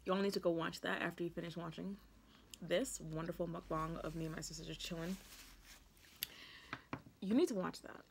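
A woman's voice: fairly low pitch, steady tone, fairly quick, gravelly, pauses often, a little mellow, slight background noise. A woman vlogger chatting casually with her sister over a meal, giggling often and using lots of slang. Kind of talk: casual chat during a mukbang.

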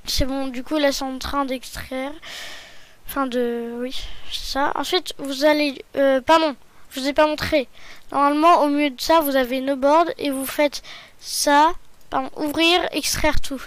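A woman hosting a software tutorial, talking hesitantly and often correcting herself with apologies. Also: high-pitched, fairly even intonation, unhurried. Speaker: tutorial host. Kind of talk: screen-recorded software tutorial.

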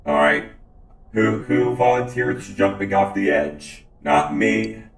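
A man delivering comedic fan-film dialogue in a dry, deadpan way, stammering now and then. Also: on the low side, slow. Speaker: channel host and lead player. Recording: roomy with loud music behind.

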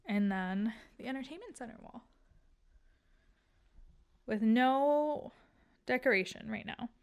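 A woman's voice: a little high, slow, smooth. A woman in her thirties talking casually to camera as a home decor vlogger, explaining things step by step in an informal, chatty way. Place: furnished living room at home, indoors.

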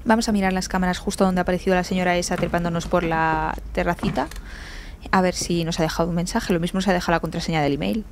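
A young woman from Spain with a Spanish accent, playing a horror game and commenting, shrieking and swearing when startled and speaking slow, loud English to the game. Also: lowish voice, steady tone, background noise. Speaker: gaming streamer. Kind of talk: let's play commentary.

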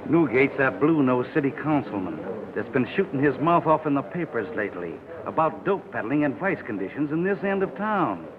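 Actor as surly American tough guy, lively pitch. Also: normal speed, few pauses, narrow, tinny audio, lightly acted. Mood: scornful, irritated. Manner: blunt, slangy, scornful. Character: surly, tough sideshow owner and ex-convict. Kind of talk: 1930s crime film acting. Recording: thin, hissy 1930s film soundtrack.

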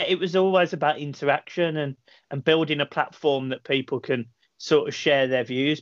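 A man in his thirties with a medium-pitched voice hosts a fan channel, chatting casually over a video call from a small room at home on a headset mic. He often repeats words when starting a sentence. The call audio is dry, dull and lo-fi with no echo.

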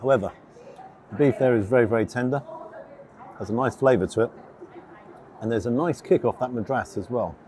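A man's voice: mid-range voice, fairly quick, long pauses, darkish tone. A man, chatting casually and matter-of-factly to camera as a food vlogger. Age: 50s. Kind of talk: casual vlog talk to camera. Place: large open train station concourse restaurant. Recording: busy station noise and announcements. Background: station ambience, background announcements.

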